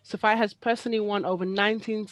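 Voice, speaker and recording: A woman's voice: mid-range voice, fairly even intonation, quick pace, rough recording. A woman moderating an online webinar, chatty with frequent ums. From East London. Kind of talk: casual online presentation hosting. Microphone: video call.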